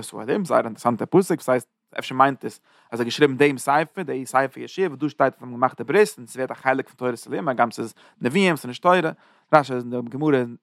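Brief: male teacher, rapid run-on explaining, dry close sound. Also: medium pitch, a bit bright, no room sound. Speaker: Torah teacher. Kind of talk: chapter lesson in Yiddish-flavored German.

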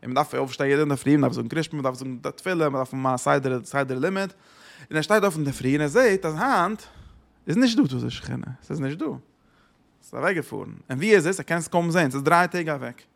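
A man's voice: fairly high pitch, fast talker, vocal fry. A man giving a religious lesson who asks rhetorical questions and repeats his phrases. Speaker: Torah teacher.

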